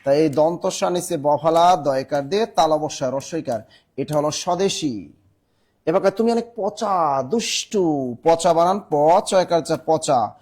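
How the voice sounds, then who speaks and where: A male teacher with a Bangladeshi Bengali accent runs a live online spelling class in a high-pitched voice. He spells words out letter by letter and keeps pressing his students to answer quickly. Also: lively intonation, darkish tone. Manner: brisk, urging students to answer fast.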